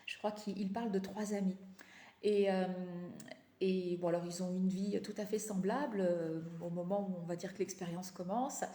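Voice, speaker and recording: Female live-stream coach, mellow and tired, slight slushy lisp, halting repetitive delivery, roomy echo. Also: medium pitch, fairly even intonation. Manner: halting, repeats phrases for emphasis. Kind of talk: casual motivational live chat. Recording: echoey, roomy sound.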